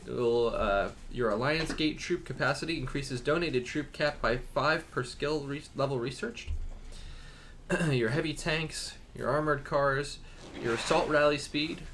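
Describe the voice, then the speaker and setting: A male stream host reads through update notes in a halting way, pausing often. His pitch sits in the ordinary middle range. Faint clicking is heard behind him in the studio. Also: a bit bright, a little hiss or hum. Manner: halting, many filler pauses. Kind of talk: casual stream chat, reading patch notes. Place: game studio.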